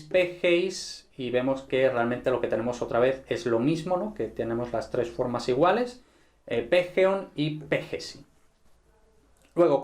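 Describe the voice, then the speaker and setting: A man teaching a grammar lesson at a board, relaxed and checking in often with his listeners. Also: mid-range voice. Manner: relaxed, frequent "¿vale?" and "¿no?" check-ins.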